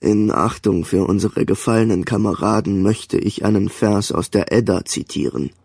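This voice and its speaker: A man voicing a stern, hard-faced air force commander who barks commands and then speaks slowly and solemnly. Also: mid-range voice, fairly even intonation, gravelly, darkish tone, no room sound, studio quality. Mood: solemn, measured.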